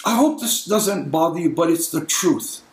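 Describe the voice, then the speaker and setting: Middle-aged man, pastor, impassioned sermon, high voice, roomy church hall. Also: expressive, normal speed. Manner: impassioned, emphatic preaching.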